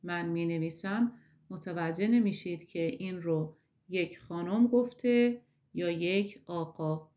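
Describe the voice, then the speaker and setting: A woman teacher talks through a recorded lesson in a patient, methodical way. Her voice sits a little low, and she slows right down to spell out each example word before moving on. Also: mellow. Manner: slow, careful explanation that stretches out example words.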